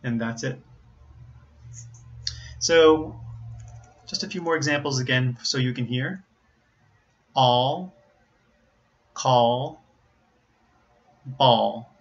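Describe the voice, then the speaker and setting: American man teaching pronunciation, slightly dull audio. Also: medium pitch. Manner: careful, deliberate enunciation of examples. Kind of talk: instructional explanation with word demonstrations.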